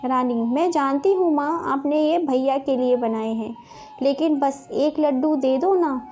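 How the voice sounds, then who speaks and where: High voice, pleading, plaintive little girl, played by a woman, faint music behind. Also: unhurried, mellow.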